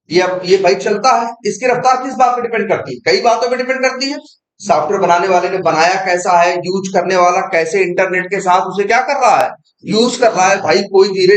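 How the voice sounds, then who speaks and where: A man with a very high voice walks through a coding lesson, tossing out questions and answering them himself. He speaks in a roomy space with a clear echo around him. Casual and teacherly. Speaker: programming teacher.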